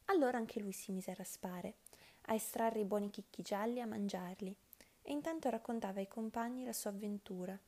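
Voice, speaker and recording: A woman's voice: mid-range voice, fairly quick. Woman reading a children's story. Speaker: narrator. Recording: loud background music.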